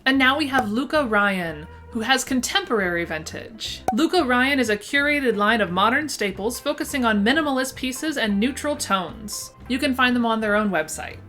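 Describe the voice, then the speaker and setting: A woman's voice: a little high, expressive, normal speed, hardly any pauses, bright, forceful tone. A woman with a lisp that makes her s slushy, enthusiastically presenting a scripted roundup list. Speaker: presenter of a vintage shop roundup. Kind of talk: upbeat scripted list narration to camera. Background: background music.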